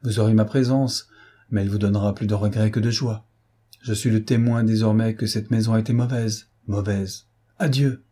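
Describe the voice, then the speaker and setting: A bitter, reproachful young man, as a male narrator reads him, impassioned and accusing. The tone is mellow and husky rather than bright. A novel read aloud as drama. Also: on the low side, fairly even intonation, normal speed. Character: embittered young man accusing his parents.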